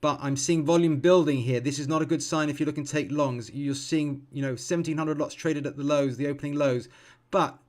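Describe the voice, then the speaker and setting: A man in his forties talks through a live trading session at a desk mic, calm and explanatory. His voice sits a little high for a man, and he thinks aloud with many ums and quick self-corrections. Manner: calm, explanatory, teaching as he watches. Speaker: futures trader streaming live.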